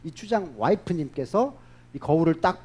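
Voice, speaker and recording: A male pastor preaching a sermon, telling stories in a lively way and acting out the voices of the people in them. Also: a little high, normal speed.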